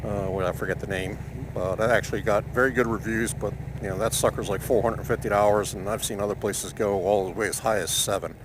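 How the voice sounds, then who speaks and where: American guy motovlogging from inside his helmet, lowish voice, kinda halting, loud engine and road noise. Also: steady tone. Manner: talking inside a motorcycle helmet; halting, hesitant, searching for words. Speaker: motorcycle vlogger. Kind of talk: casual rambling vlog narration while riding. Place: outdoors on a moving motorcycle. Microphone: microphone inside helmet by the mouth.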